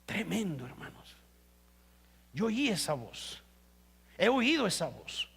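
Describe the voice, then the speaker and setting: A male pastor delivering a sermon in a high-pitched, gravelly voice. He pushes up into loud, emphatic passages, then drops low and quiet, and keeps turning to the congregation with questions. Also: big pitch swings, unhurried. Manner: preaching with rising emphatic bursts and rhetorical questions. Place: church. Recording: live stream.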